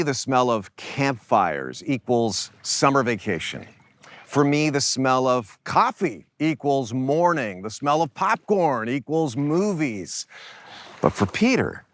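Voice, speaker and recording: A man retells a scripture story as a devotional teacher, musing and reflective. He talks at an unhurried pace, his pitch rising and falling freely. The sound is close and dry. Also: fairly bright tone, no room sound. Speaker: Bible teacher.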